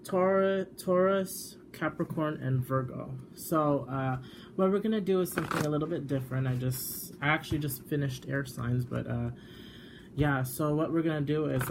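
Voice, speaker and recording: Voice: mid-range voice, normal speed, background noise. A tarot card reader talking casually to the camera in a chatty way, with lots of fillers and self-corrections. The reader sometimes steps away from the mic while shuffling.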